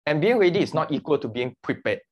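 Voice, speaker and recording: A man's voice: on the high side, big pitch swings, fast talker, muffled recording. A man speaking as a guest about his work as a mission mobilizer, earnest and explaining with analogies. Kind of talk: conversational interview.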